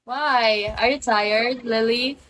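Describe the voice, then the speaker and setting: Young woman, high voice, slow and giggly, casual live-stream chat, faint room noise. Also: steady tone, a bit bright, low-quality recording. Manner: giggly, mixes English and Filipino. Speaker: livestream host.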